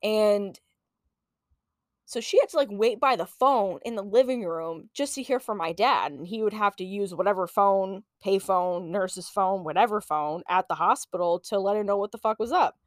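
A woman in her late twenties hosting a podcast, telling a personal story in a casual, animated, profane way and laughing often. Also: mid-range voice, moderate pace, no room sound, clean studio sound. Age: late 20s. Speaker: podcast host.

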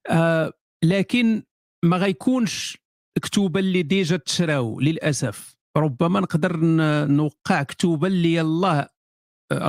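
Moroccan accent guy doing a casual livestream q&a, talks real fast, dry close sound, sardonic, keeps restarting his sentences. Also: fairly high pitch, dry recording. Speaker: author hosting a live stream. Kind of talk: casual live-stream chat answering viewer questions.

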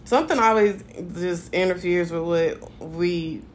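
A woman's voice: lowish voice, a little slow, a little hiss or hum. A woman co-hosting a podcast in a laid-back casual chat, joking and swearing freely. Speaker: podcast co-host.

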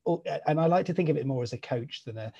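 Fast-talking, husky, enthusiastic male host. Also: a little high, expressive, mellow, muffled recording. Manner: enthusiastic, effusive. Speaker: interview host and coach. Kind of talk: conversational interview. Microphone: video call.

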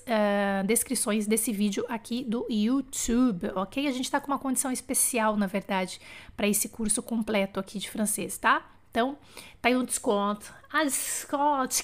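Through a live stream setup, a woman from Brazil gives a chatty French lesson, frequently asking viewers for feedback with "tá?". She has a high-pitched, slightly bright voice.

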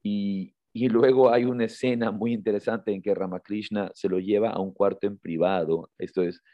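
A man co-hosting a podcast, retelling a story in a casual, halting way, often repeating words and lifting his voice when he quotes someone. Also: fairly low pitch, steady tone, dry recording, lo-fi sound. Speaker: podcast co-host.

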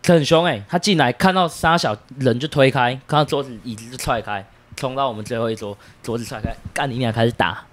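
A man, a podcast guest telling stories in a brash, animated way and swearing often. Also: medium pitch, fast talker, hardly any pauses. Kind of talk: casual storytelling.

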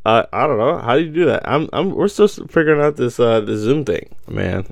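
A man's voice: medium pitch, animated, brisk, vocal fry, dry recording. A man co-hosting a podcast over a remote video call from a tablet, talking in slangy, playful, jokey banter. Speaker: podcast co-host. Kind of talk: casual chat. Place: home, remote call on iPad.

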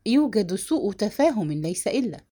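A woman's voice: mid-range voice, sing-song, moderate pace, dark tone. A woman reading the lines of a distraught young wife who pleads through sobs and wails. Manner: sobbing, wailing pleas.

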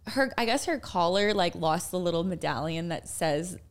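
A young woman talks through a story on her podcast in a loose, chatty way, full of fillers and asides. Her voice sits a little low for a woman. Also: animated, moderate pace. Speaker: podcast co-host. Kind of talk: casual chat.

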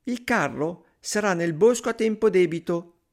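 A man voicing a tiny, thumb-sized boy who is bright and eager, in a storybook reading. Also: normal speed. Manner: high, chirpy and excited.

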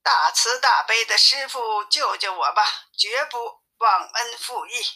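A woman reading aloud voices a female demon posing as a pitiful captive woman, pleading in a high, plaintive tone. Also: measured pace, sharp tone, heavily acted. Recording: tinny phone-like sound.

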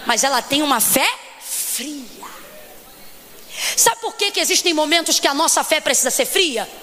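A woman preacher from Rio de Janeiro, giving an emphatic sermon that keeps questioning the congregation and rises to shouts. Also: high voice, lively intonation, normal speed. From Rio de Janeiro, Brazil. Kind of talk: Pentecostal sermon.

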